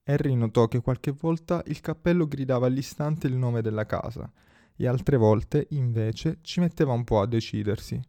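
A man narrating a story aloud in a steady, measured reading style. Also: medium pitch, no room sound, clean studio sound. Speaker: audiobook narrator.

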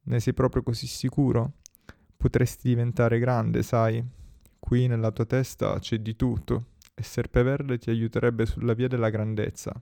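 A shrewd ancient magic hat, as a man puts it on for a storybook reading, weighing each thought in a slow, probing drawl. The voice has a gravelly edge and a dark, mellow tone. The sound is dry, with no room around it. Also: medium pitch, little pitch movement, no room sound, lightly acted. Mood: musing.

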